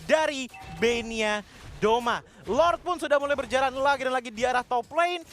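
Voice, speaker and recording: High-voiced Indonesian male esports commentator. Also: fast, fairly bright tone, faint music behind. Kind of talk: live play-by-play and analysis.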